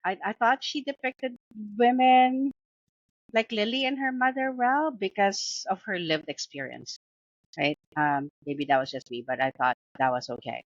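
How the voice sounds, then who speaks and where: This co-host of a book review show speaks with a Filipino accent, chatting casually at a measured pace in a medium-pitched voice. Her speech is filled with fillers, restarts, and frequent laughter. The recording is dry, dull, and lo-fi.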